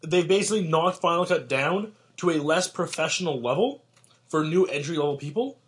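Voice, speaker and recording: Young man, casual podcast co-host, rapid rambling talk, husky voice. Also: on the high side, expressive, fairly bright tone. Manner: rambling, jokey, restarts sentences. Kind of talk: casual chat.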